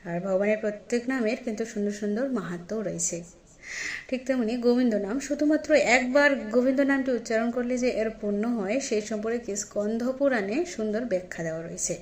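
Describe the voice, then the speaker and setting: A woman's voice: on the high side, fast, a little mellow. A woman giving an earnest devotional talk, explaining to her viewers and addressing them directly. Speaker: devotional speaker.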